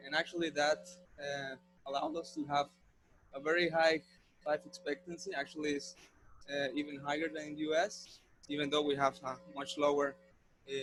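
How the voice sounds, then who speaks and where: A man from Rica, giving a measured academic conference talk. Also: fairly high pitch, fairly bright tone, rough recording. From Costa Rica. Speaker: conference presenter.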